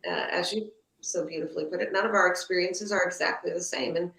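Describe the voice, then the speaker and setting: Lisping woman, bright voice in echoey room. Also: lowish voice, steady tone, gravelly. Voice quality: slight lisp on S sounds, as if wearing a retainer. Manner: halting, reflective, searching for words. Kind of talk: unscripted reflective group discussion. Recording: echoey, roomy sound.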